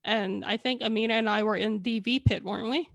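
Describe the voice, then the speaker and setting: The same guest author, raised speaking a Chinese dialect and Tagalog, recounts her story in a candid, rambling video chat. Here she speaks fairly quickly at medium pitch with fairly even intonation and vocal fry. The recording is dry but muffled.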